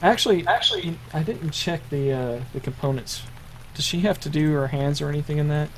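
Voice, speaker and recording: Running a tabletop RPG, this male game master describes the action haltingly, full of fillers and false starts. His voice is on the high side, and there's slight background noise.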